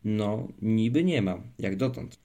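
Man reading as a joking dad, mock-mysterious, near-whispered storytelling, low pitch. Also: animated, takes it slowly, vocal fry, dark tone, full character voice. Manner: mock-mysterious, half whispering when telling tales. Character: playful teasing young father.

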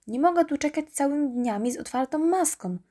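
A woman's voice: fairly high pitch, unhurried, warm tone, husky. A woman voicing an impatient red female sports car in a children's storybook, demanding and pushy.

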